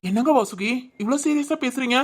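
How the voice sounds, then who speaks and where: A woman voicing a gentle young husband who soothes and teases his wife in a village family drama. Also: high voice, fast talker. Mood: soothing. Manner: soothing, teasing. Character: gentle reassuring young husband, loving and playful.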